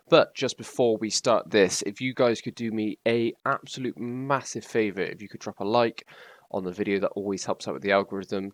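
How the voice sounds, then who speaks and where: A young man with a British accent talks through his predictions with eager, chatty energy and plenty of ums. His voice sits fairly low, and the recording is dry and close, with little sound of the room. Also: no room sound. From Britain. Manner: chatty and enthusiastic, with frequent ums. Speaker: YouTuber. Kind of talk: casual vlog commentary.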